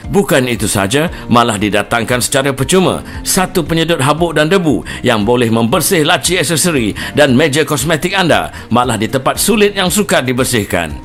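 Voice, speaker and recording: A man's voice: on the high side, a bit bright. A man with a Malaysian accent delivering an emphatic, promotional infomercial voice-over as a home-shopping announcer.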